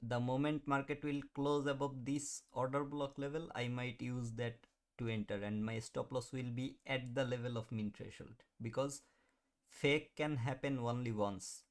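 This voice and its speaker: Speaking at a normal speed with fairly even intonation, a man in his thirties runs a live trading stream from a mid-range register. He banters with viewers, answers them, laughs frequently, and mutters to himself at the chart.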